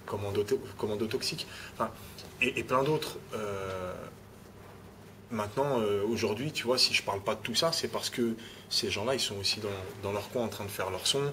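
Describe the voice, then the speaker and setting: A man's voice: on the low side, moderate pace, bright, forceful tone, slight background noise. A man, a rapper being interviewed, talking casually and often restarting his phrases with "tu vois". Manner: repeats words, restarts phrases, adds "tu vois".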